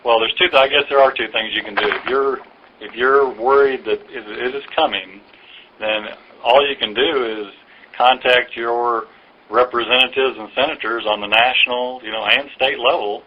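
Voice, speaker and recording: Over a phone line, a man explains things patiently and a little haltingly, much like an official answering a caller's questions. His pitch is medium and his intonation fairly even. The telephone recording sounds dull and lo-fi.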